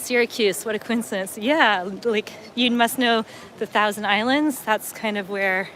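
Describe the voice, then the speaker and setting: With slight background noise behind her, a middle-aged travel vlogger from upstate New York, USA, strolls a lakeside waterfront on a casual livestream, chatting and reading viewers' comments aloud. She speaks at normal speed in a voice on the high side and a bit bright.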